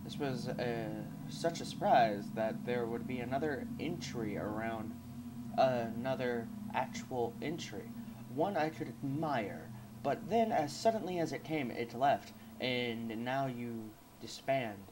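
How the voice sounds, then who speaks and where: A man playing a horror game and commenting as he goes, swearing a lot and yelping and shouting when he gets scared. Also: medium pitch, unhurried, background noise. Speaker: gaming YouTuber.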